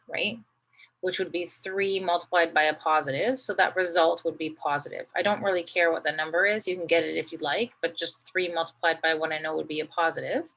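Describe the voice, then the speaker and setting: A woman's voice: lowish voice, a bit bright, poor audio. A woman teaching a math lesson, patiently talking through each step and often checking in with "right?".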